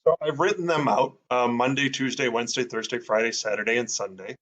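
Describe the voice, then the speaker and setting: A man's voice: mid-range voice, brisk, fairly bright tone. A man teaching in a casual, thinking-aloud way, with many fillers as he sounds out words. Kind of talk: casual explanatory lesson.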